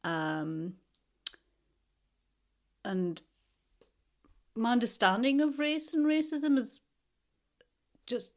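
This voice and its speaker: Her voice is a little high and sing-song: she's a woman in her fifties from England's northeast who lectures for a living. As an interview guest, she considers her words carefully, speaking with measured thought and frequent pauses.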